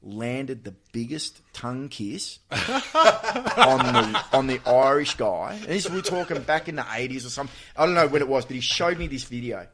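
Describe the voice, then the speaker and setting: Lively man telling footy stories. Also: medium pitch, moderate pace. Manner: animated storyteller, laughs often. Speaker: podcast guest, sports coach. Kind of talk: casual podcast chat.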